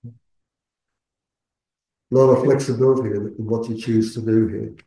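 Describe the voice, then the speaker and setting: A man speaking as a Buddhist meditation teacher, giving earnest, measured spoken teaching with pauses mid-phrase. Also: lowish voice, steady tone, dark tone. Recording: echoey room.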